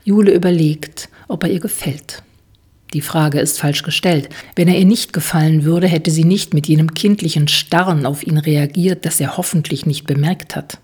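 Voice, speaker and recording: A woman narrating an audiobook in calm, measured scripted narration, with a breathy, husky voice. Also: low voice.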